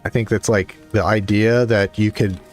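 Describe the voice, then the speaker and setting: A man's voice: on the low side, fairly even intonation, moderate pace, soft background music. A man streaming a game, musing aloud in casual commentary with frequent restarts.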